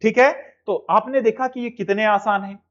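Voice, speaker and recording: High-voiced man teaching English. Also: fairly even intonation, muffled recording. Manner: asks and answers his own questions, says model sentences very slowly. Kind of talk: classroom lesson.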